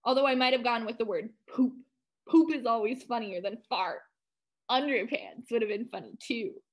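Storybook read-aloud: a woman playing an excitable class-clown boy, high and quick. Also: lightly acted. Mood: gleeful. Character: joke-loving schoolboy class clown.

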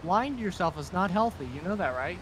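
A man's voice: high-pitched, lively intonation, brisk, fairly bright tone, a little hiss or hum. A man joking around with friends during a driving game, needling with silly questions. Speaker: co-op gaming friend. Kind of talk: casual gaming chat.

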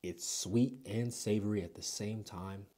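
A young man eats on camera, talking with his mouth full of food. His voice sits a little low, and his talk is relaxed and chatty between bites. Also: a little slow. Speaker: mukbang vlogger. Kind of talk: casual mukbang vlog. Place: in Germany.

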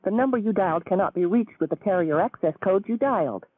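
A woman's voice: mid-range voice, fast talker, slightly rough, no echo. A woman's recorded telephone intercept announcement, built from spliced-together words and read in a polite, formal manner. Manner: polite, even, formal phrasing. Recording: tinny phone line with loud hiss.

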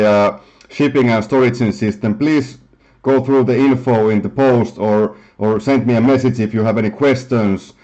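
A man hosting a card group break from his apartment, reading out names in a friendly, unhurried way and stumbling over some of them. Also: medium pitch, a little mellow, lo-fi sound. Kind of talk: casual hosting, reading out a list. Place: home apartment.

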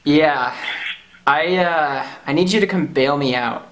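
A man's voice: fairly high pitch, takes it slowly, a bit bright, far from the mic. Roomy-sounding young man hosting casually. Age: young adult. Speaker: video host. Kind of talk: casual joking chat. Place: small bare bedroom. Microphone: camera a few feet away. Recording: roomy, off-mic, music underneath. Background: music.

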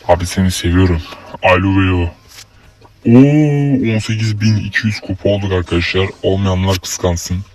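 A young man with a Turkish accent giving crude, swearing gameplay commentary, breaking into loud yells at opponents. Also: low-pitched, no room sound. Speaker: gaming YouTuber. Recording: faint game music behind.

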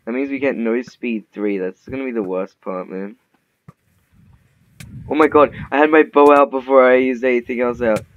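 A young man recording a Minecraft video trash-talks, swears, and teases in casual gaming chat. He speaks mid-range at a moderate pace, through a dull, muffled mic with faint noise.

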